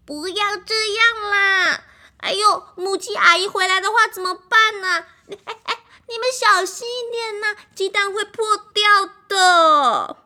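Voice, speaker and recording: A woman's voice: very high voice, very animated, slow pace, bright, forceful tone, pitched above the performer's own voice, exaggerated voice. A woman voicing a timid, anxious little duckling in a children's storybook, fretful and pleading.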